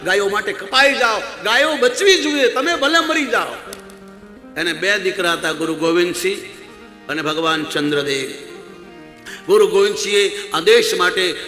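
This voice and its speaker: A man's voice: sits high, sharp tone. A man telling a devotional story as a sermon, exhorting listeners emphatically. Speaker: religious storyteller. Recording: echoey hall with faint music.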